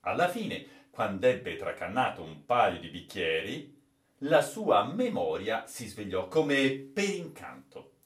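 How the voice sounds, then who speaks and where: A man reading a classic adventure story aloud as narrator, with measured storytelling delivery, in a roomy, echoey space. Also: fairly low pitch, big pitch swings. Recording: roomy echo.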